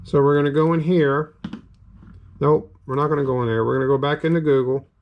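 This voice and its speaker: A man's voice: fairly high pitch, steady tone, a little fast, dull audio, slight background noise. Southern man rambling through a tech tutorial. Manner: rambling, filler-heavy, step-by-step narration. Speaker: game hardware reviewer. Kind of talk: casual screen-recorded tutorial.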